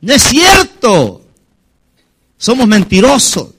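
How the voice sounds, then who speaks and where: A middle-aged man from Mexico preaching a sermon, dramatic, acting out the voices he quotes and shouting his high punch lines. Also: huge pitch swings, slow, breathy edge.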